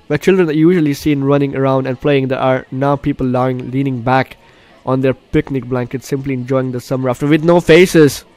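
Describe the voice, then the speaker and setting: This man's mid-range voice has a darkish tone and no room sound around it. He's hosting a game walkthrough, reading the story from the screen and exclaiming at what happens, with game music in the background.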